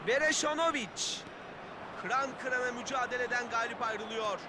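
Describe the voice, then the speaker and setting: A man's voice: very high voice, moderate pace. A man doing play-by-play football match commentary. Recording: loud stadium-like background noise.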